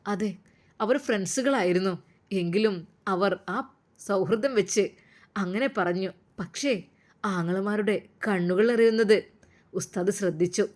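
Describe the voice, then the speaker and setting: A woman's voice: medium pitch, measured pace, long pauses, darkish tone. A woman narrating a romantic wedding story with feeling and lingering phrasing, speaking with a Malabar Malayalam accent.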